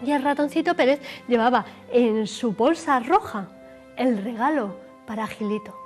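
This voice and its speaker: A woman telling a children's story on television, animated and expressive. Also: a little high, normal speed. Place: television studio. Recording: faint music behind.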